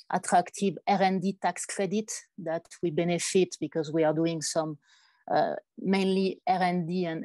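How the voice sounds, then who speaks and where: Mellow, low-voiced woman on a business panel. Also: no room sound. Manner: hesitant, many restarts and fillers. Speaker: startup executive on a panel. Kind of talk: panel discussion.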